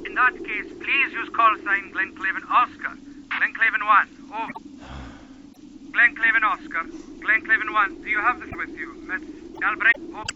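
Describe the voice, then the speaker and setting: Man in a high-ish voice, team leader on a staticky radio, brisk and procedural. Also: fairly even intonation. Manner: clipped, by-the-book radio procedure. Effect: two-way radio voice with static bursts. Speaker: mountain rescue team leader. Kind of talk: radio drama acting. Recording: muffled radio line with static.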